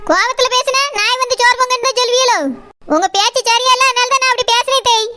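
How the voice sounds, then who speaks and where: A voice actor playing a young, sharp-tongued village daughter-in-law in a cartoon, with a Kanyakumari Tamil accent, talking back quickly. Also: very high-pitched, fairly even intonation, very noisy. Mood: defiant. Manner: talks back, quick and cheeky.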